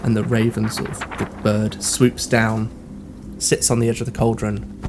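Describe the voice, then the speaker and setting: A man narrating as game master of a tabletop game, describing scenes in a measured way with the odd hesitant filler. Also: on the low side, flat delivery, noisy background.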